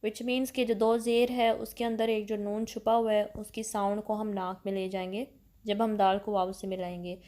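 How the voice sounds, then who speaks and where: A woman teaching prayer recitation step by step, patiently explaining each sound and then reciting the words slowly with long stretched syllables. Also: mid-range voice, level tone, dark tone. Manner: keeps checking in with "theek hai".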